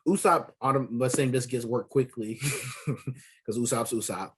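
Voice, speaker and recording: A man's voice: mid-range voice, moderate pace, a little hiss or hum. A man co-hosting a casual anime review podcast, rambling through plot recaps with slang and lots of fillers. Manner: rambling, loose slang, many fillers, animated retellings. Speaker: podcast co-host.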